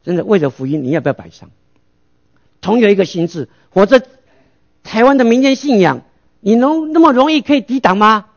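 A man's voice: high-pitched, animated, brisk, long pauses, lo-fi sound. A male pastor preaching a sermon, asking rhetorical questions and answering them himself.

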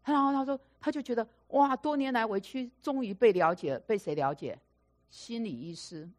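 Slightly high and at a moderate pace, a woman's voice delivers a sermon told through stories. Animated in manner, she acts out the dialogue and repeats phrases to drive points home.

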